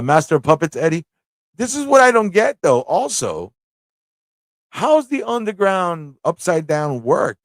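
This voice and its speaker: A man with a fairly high voice hosts a livestream chat with fans, rambling informally and tossing in lots of rhetorical tag questions. The recording is dry.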